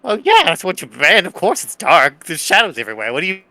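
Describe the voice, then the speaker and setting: A man's voice: high-pitched, wildly swooping pitch, quick pace, bright, forceful tone, no echo. A man acting as game master, improvising narration in a playful, dramatic way.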